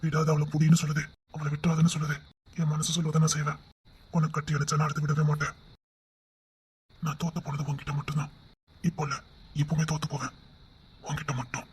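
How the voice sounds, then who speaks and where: A woman's voice: low-pitched, completely flat delivery, very fast, slight background noise, close to an everyday voice. A woman, voicing an ardent young man who coaxes his angry sweetheart affectionately in an amateur romantic audio drama, at times in a whisper. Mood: coaxing. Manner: coaxing, affectionate, sometimes dropping to a whisper.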